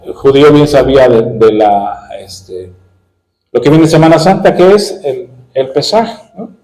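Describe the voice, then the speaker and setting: A man's voice: medium pitch, measured pace, warm tone. Man teaching a Bible class, echoey room. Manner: conversational, with fillers and tag questions; acts out quoted speech in a raised voice.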